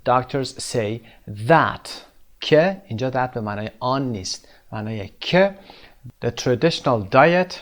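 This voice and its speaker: A man with a Persian accent teaching English from a textbook. He reads the English examples slowly, repeats them, and then explains them briskly. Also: medium pitch. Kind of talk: textbook lesson walkthrough.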